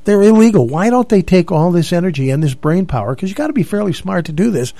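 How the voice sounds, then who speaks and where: A man's voice: high voice, sing-song, fast, vocal fry, dark tone, no echo. A man co-hosting a radio show, chatty and giving plain advice. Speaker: radio co-host. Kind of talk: casual radio talk.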